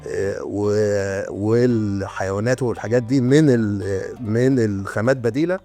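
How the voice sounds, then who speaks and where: A man in his sixties with an Egyptian Arabic accent, a retired antiquities restorer explaining his craft in a casual interview, often pausing and restarting mid-sentence. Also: fairly low pitch, dark tone, faint music behind. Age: 60s. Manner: storytelling, explaining with many hesitations and restarts.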